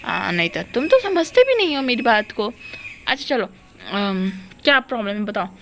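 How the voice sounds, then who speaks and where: A woman's voice: a little high, very animated, normal speed, background noise. A woman voicing a playful young woman who teases her friend and chatters about missing her girlfriend. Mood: teasing. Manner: teasing, chatty.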